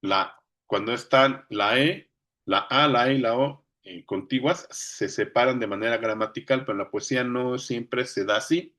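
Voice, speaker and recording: A man's voice: medium pitch, normal speed, sharp tone. A man with a Mexican accent giving an informal lecture, talking conversationally and often checking that listeners are following. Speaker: speaker on poetry.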